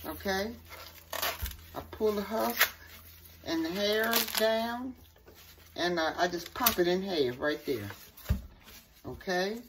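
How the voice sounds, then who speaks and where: Lady doing a cooking vid in her kitchen, slow n chatty, noisy camera audio. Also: mid-range voice, lively intonation. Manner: folksy, chatty, says "okay" often. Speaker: cooking show host. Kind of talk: casual cooking demonstration. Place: home kitchen. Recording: noisy home kitchen recording.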